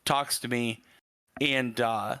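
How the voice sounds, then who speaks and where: A man from Michigan talks as a podcast guest, telling a long story with plenty of fillers and offhand swearing. His voice is bright and forward, at an ordinary pitch for a man. The sound is dry and close, with no room echo. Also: fairly even intonation, takes it slowly, clear, resonant tone. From Michigan, USA. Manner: rambling, many fillers, casual swearing. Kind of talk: casual storytelling chat.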